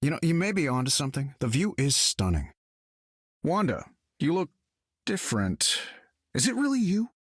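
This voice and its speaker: A man's voice: a little high, very animated, normal speed, pauses often, breathy edge, no echo, clean studio sound. A man voicing a confident, wisecracking inventor superhero in a video game, wry and casual. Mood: wry, friendly. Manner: wry, casual, self-assured. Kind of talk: video game character acting.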